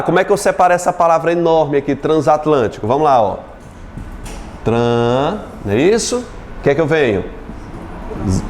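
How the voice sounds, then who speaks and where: Brazilian teacher asking and answering himself. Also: male voice, on the high side, darkish tone, a little hiss or hum. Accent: Brazilian Portuguese. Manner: asks the class questions and answers them himself; stretches out syllables while spelling words. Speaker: Portuguese teacher. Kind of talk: video lesson on syllable division.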